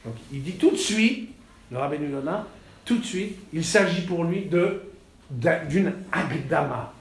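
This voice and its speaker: Male teacher in class, fairly high voice, halting delivery with lively stresses, roomy echo. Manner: halting, repeats words, animated stresses. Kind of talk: classroom text study.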